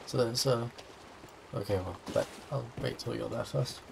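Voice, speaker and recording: A man's voice: medium pitch, moderate pace, gravelly, noisy background. A man co-commentating a game in casual chat, with laid-back, hesitant short replies.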